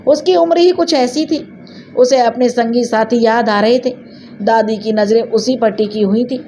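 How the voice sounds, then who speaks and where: A woman narrating a village story in an even storytelling delivery. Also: fairly high pitch, slight background noise.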